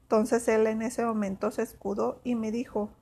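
Casting: young woman, slightly high voice, emotional confessional storytelling. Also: little pitch movement, moderate pace, dark tone, husky. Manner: emotional retelling, acts out quoted dialogue. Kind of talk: personal storytelling.

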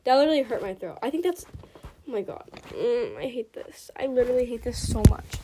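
A woman's voice: a little high, expressive, fairly quick, warm tone, slight background noise. A teenage girl vlogging casually while sick with a sore throat, rambling and complaining with lots of "like"s. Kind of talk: casual chat to camera.

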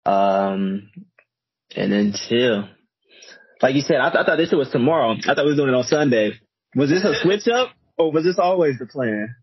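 A man co-hosting a podcast, telling rambling, relaxed stories over an echoey internet call. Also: medium pitch, moderate pace, breathy edge, highs cut off. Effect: internet call audio with echo. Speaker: podcast co-host and DJ. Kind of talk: casual chat. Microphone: internet video call.

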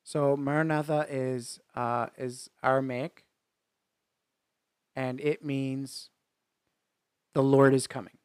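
A man co-hosting a casual faith podcast, talking earnestly in halting phrases with frequent restarts. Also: medium pitch, flat delivery, clean tone, no echo, clean studio sound. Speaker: podcast co-host.

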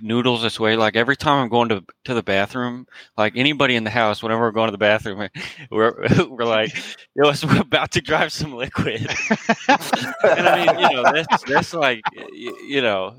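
A man's voice: on the low side, pushed and bright, no echo, rough recording. A man co-hosting a casual podcast chat, rambling and joking with lots of fillers. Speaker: crypto podcast co-host.

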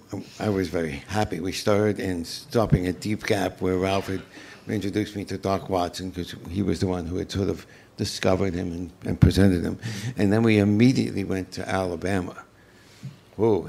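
An older man telling unscripted recollections as an interview guest, in a halting, reflective way. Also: on the low side, gravelly, a little mellow. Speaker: interview guest, former folk festival organizer. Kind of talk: unscripted reminiscence.

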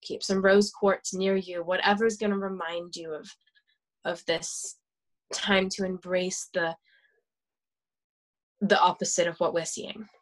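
A woman's voice: fairly low pitch, level tone, a little slow, long pauses, rough recording. A woman in casual conversation about oracle cards and spirituality, chatty, with many fillers and frequent laughs. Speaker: guest.

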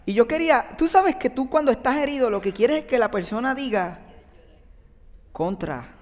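A man's voice: extremely high pitch, a little fast. A man, a youth pastor giving an earnest, confessional sermon testimony. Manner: earnest confessional storytelling, animated rises. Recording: long reverb in a large hall.

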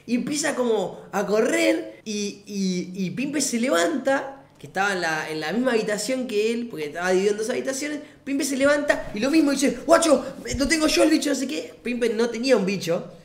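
A man's voice: very high-pitched, lively intonation, moderate pace, hardly any pauses. A man in his twenties with an Argentine Rioplatense accent, casually telling a funny anecdote full of slang and often laughing as he talks. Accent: Argentine Rioplatense Spanish. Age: 20s. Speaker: vlogger. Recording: roomy echoey room.

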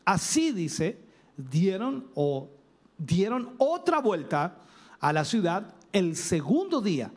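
A male preacher telling a story in a sermon and speaking directly to his congregation. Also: sits high. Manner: animated storytelling addressing the congregation.

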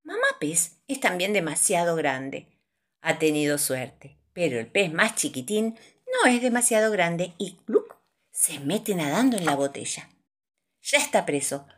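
A woman reading a children's storybook aloud in a playful, animated way. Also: lowish voice, measured pace. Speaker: storybook narrator.

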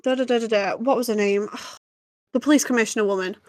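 A woman in relaxed podcast chat, giggling and animated as she talks. Her voice sits on the higher side, and the recording is close and dry with no room sound. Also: quick pace, dry recording. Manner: giggly, animated, laughs often. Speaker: podcast co-host. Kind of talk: casual chat.

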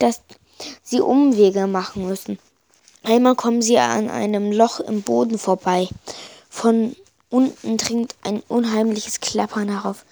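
A woman's voice: on the high side, mellow, no echo. A woman narrating a children's adventure story expressively, with small stumbles.

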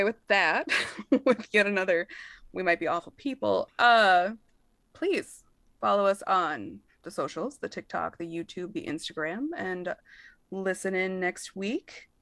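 A woman's voice: mid-range voice, a little slow, fairly bright tone, no echo. A woman in her thirties co-hosting a podcast, chatting candidly and laughing often. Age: 30s. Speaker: podcast co-host. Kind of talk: casual chat.

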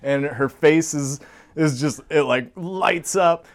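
A man in his thirties telling a story in casual chat, lively and laughing, acting out the voices of the people in it. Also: fairly high pitch, slow pace. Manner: animated, acts out quoted voices, laughs often. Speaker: guest.

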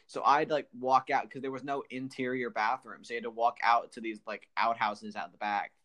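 A man co-hosting a casual podcast, talking in a halting way full of fillers and restarts. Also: mid-range voice, flat delivery, a bit bright. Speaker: podcast co-host.

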